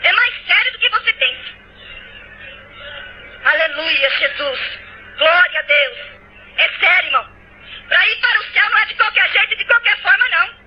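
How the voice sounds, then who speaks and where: A woman's voice: extremely high pitch, animated, normal speed, long pauses, a little hiss or hum. A woman with a Brazilian Portuguese accent gives a fervent church testimony, at times tearful, repeating her phrases and calling out to the brothers. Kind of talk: emotional testimony sermon. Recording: dull lo-fi recording.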